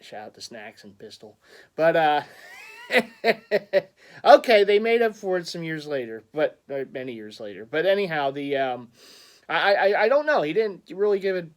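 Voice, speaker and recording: A man talks in a loose, rambling way about his teams. He often trips over words and restarts, and his speaking voice sits a bit high for a man. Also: big pitch swings, normal speed. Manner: rambling, stammering restarts, frequent chuckles. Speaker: sports fan vlogger. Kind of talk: casual rambling vlog.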